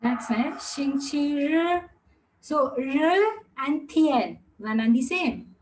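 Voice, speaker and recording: A woman's voice: sits high, expressive, takes it slowly, poor audio. A woman teaching an online Mandarin class, encouraging the students and explaining pronunciation. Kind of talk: online class quiz and wrap-up.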